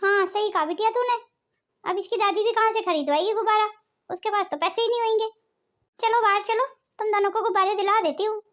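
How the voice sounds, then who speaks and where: Woman doing a scolding middle-aged mother, cartoon, very high voice, taunting. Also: fairly quick, a bit bright. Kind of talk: cartoon voice acting.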